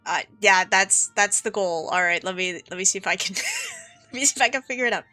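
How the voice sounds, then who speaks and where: A woman's voice: mid-range voice, lively intonation, fairly quick, sharp tone, faint music behind. A woman hosting a game playthrough, chatting casually and giggling often. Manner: giggly, playful. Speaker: streamer and host.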